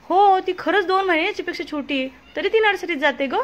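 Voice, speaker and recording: A woman voicing a gentle, loving young wife who speaks softly and tenderly. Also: extremely high pitch, fast, voice pushed up.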